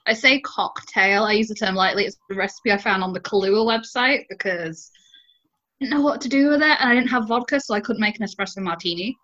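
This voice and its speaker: A woman's voice: medium pitch, brisk, a bit bright. A woman co-hosting a podcast over a video call, joking about herself and laughing often. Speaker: podcast co-host. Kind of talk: casual chat. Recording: dull lo-fi call audio.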